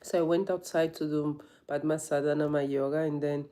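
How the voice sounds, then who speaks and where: Female yoga vlogger, warm dark tone, reflective and searching, casual live chat. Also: sits low, fairly even intonation. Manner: thoughtful, halting, searching for words. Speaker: yoga teacher.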